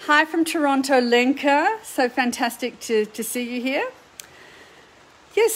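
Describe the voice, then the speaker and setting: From her painting studio at home, the Australian-accented woman, a middle-aged art teacher, hosts a cheerful, chatty live stream for her viewers. She speaks at a medium pitch, and the recording quality is low.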